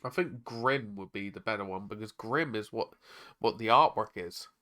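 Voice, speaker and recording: A man with a hoarse, raspy voice, chatting casually on a live stream while painting miniatures. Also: on the low side, normal speed, sharp tone. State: hoarse, struggling to talk.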